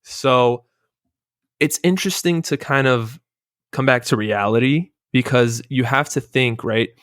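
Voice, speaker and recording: Podcast host dude, mid voice, dry sound, explains stuff and keeps going right? right?. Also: male voice, mid-range voice, unhurried, a bit bright, dry recording. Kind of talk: casual discussion.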